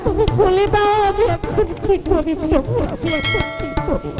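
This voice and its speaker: A woman's voice: very high-pitched, expressive, moderate pace, pitched above the performer's own voice. A woman voicing the mother Sita, lamenting tenderly and tearfully, partly in song. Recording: dull lo-fi with loud instrumental music.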